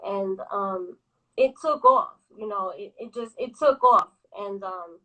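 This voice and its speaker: A woman, talking casually about her clothing brand on a phone call from her office, pausing often with ums. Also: mid-range voice. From New York. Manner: relaxed, hesitant, many ums. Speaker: guest, clothing brand owner. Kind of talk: casual interview on a live video call.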